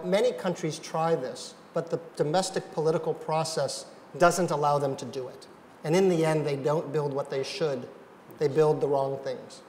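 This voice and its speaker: A man's slightly high voice rings through a reverberant hall with faint noise. He moderates an interview, laying out a summary before each probing question. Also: darkish tone. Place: conference hall stage before an audience.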